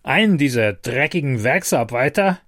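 A man voicing a burly male city guard who questions people with gruff suspicion. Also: medium pitch, lively intonation, normal speed, a bit bright. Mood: suspicious.

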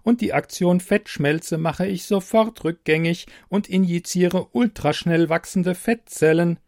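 A man's voice: high-pitched, measured pace, darkish tone, no echo, clean studio sound, voice pushed up. A man doing a prim, polite beauty computer. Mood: polite mechanical. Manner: polite, formal, mechanical phrasing. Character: bumbling female-addressing beauty computer, polite, robotic. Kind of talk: audiobook reading.

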